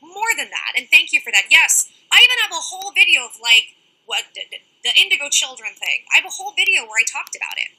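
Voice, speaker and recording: A woman's voice: sits high, big pitch swings, fast talker, sharp tone, rough recording. A young woman hosting a casual livestream, reading out chat comments and answering them directly.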